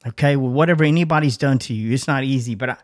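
A middle-aged man at an ordinary pitch talks through a personal story on a podcast. He is earnest and informal, often stopping and restarting his sentences as he thinks aloud. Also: rapid-fire. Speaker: podcast co-host. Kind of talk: casual chat, personal story.

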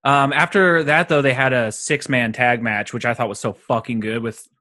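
Bright-voiced man in casual podcast chat. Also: medium pitch, steady tone, moderate pace. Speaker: podcast co-host.

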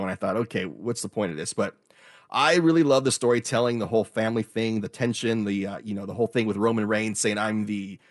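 A man's voice: lowish voice, no room sound. Man chatting on dry-sounding sports radio. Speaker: co-host of a sports radio show on wrestling. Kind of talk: casual opinionated sports chat.

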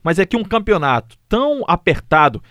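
Upbeat high-voiced podcast host. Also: male voice, very animated, a little fast, a bit bright, no echo, clean studio sound. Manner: upbeat, chatty, frequent "né?" tag questions. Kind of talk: casual sports podcast chat.

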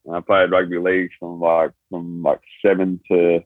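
A man's voice: low-pitched, completely flat delivery, normal speed, no echo. Young Australian man on a tinny line. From born in Thailand, raised in rural New South Wales, Australia. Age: 20s. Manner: laid-back, rambling, slangy storytelling. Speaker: rugby player, guest. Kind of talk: casual interview chat. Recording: tinny phone-like line, dry.

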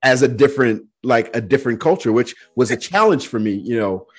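A young man hosting a podcast, telling stories in a relaxed, chatty way full of "like" fillers. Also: mid-range voice, brisk, husky. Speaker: podcast host. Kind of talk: casual conversational storytelling.

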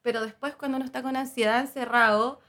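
Woman, Chilean accent, very high voice, podcast guest, casual lively chat, swears freely. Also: fast talker.

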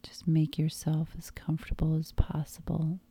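A woman guiding a hypnosis meditation in a calm, soothing tone, soft and breathy, often close to a whisper. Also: sits low, normal speed, dry recording. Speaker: hypnosis guide.

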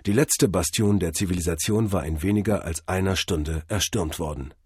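Male storyteller, husky voice, animated reading, dry close mic. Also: low-pitched, moderate pace, no echo. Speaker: narrator. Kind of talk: audiobook reading.

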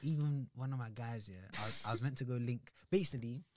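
A man's voice: medium pitch, fast talker, a crowd in the background. A young adult man with a London roadman accent, chatting casually with a friend in street slang. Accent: London, urban street slang.

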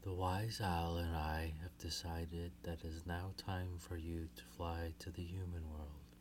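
A woman doing Selena, soft-spoken fairy queen. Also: a bass voice, measured pace, noisy background, voice pushed down. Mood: tender. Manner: soft, comforting, near-whispered. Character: gentle fairy queen and mother, regal.

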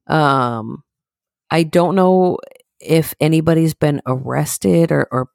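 A young woman co-hosts a casual podcast, telling stories in a loose, rambling, profane way. Her voice has a gravelly fry running through it. The sound is close and dry, with no room around it. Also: low-pitched, slow, darkish tone, no echo. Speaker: podcast co-host. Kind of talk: casual chat.

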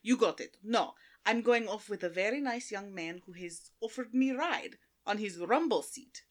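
A woman's voice: medium pitch, moderate pace, close to an everyday voice. A woman voicing a dramatic, flighty countess with a put-on Russian accent, drawling melodramatically in a comic radio play. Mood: airy, flirtatious. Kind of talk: comic old-time radio play acting.

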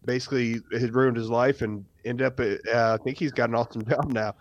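A man's voice: mid-range voice, fairly even intonation, brisk, highs cut off. A man co-hosting a fantasy football podcast from home over a remote call. He argues his picks and needles his co-host in a mid-range voice. The sound is dry, with no room echo. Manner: argumentative, teasing. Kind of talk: casual fantasy football chat. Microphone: remote call mic.

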